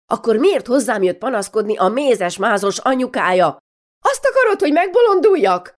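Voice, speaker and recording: A woman reading aloud, voicing an exasperated mother who scolds her daughters with rapid-fire nagging questions. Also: mid-range voice, voice pushed up, lightly acted.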